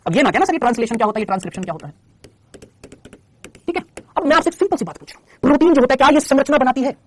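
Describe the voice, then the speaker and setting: Animated, rapid-fire male teacher. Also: very high-pitched, slight background noise. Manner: chatty, teasing, addresses students as brother and child. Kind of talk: live online class lecture.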